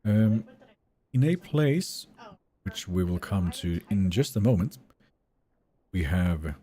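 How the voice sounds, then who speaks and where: A young man chatting casually through a live gameplay stream, reading out and answering chat messages in a relaxed way. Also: low voice, slow pace. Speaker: game streamer.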